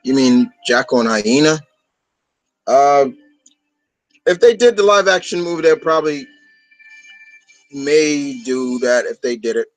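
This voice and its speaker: A man's voice: medium pitch, lively intonation, measured pace, long pauses, no room sound, faint music behind, rough recording. A man from New York hosting a fan discussion, chatting casually in a rambling, enthusiastic way. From New York, United States. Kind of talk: casual chat.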